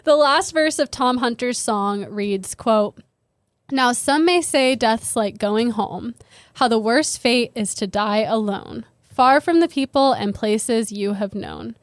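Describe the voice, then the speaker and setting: A woman's voice: fairly high pitch, takes it slowly, dry recording, clean studio sound. A woman with a Valley girl American accent and a "like"-peppered manner, co-hosting a podcast and telling a story conversationally. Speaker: podcast co-host.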